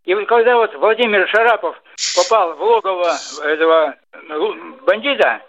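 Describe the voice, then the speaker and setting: A man calls in to a radio show and speaks hesitantly, stopping often with fillers. His voice is high for a man. The sound is thin and tinny, as over a phone line. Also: moderate pace, fairly bright tone. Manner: hesitant, many fillers, retells a story. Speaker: caller.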